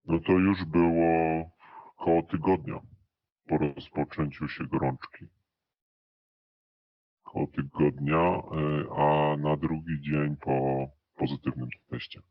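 A man's voice pushed electronically down to an unnaturally deep, rumbling pitch to hide who he is. He talks slowly and hesitantly, filling pauses with drawn-out "e" sounds. The audio is dry, dull and muffled. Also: fairly even intonation, dry recording. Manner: hesitant, with many drawn-out "e" fillers. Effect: voice pitched down electronically to disguise it. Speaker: interview guest. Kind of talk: recorded interview answers.

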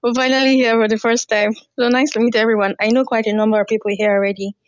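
A woman from Nigeria, slowly and warmly introducing herself in a book club chat. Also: fairly high pitch, level tone, no room sound. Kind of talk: casual self-introduction. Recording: lo-fi voice chat with faint noise.

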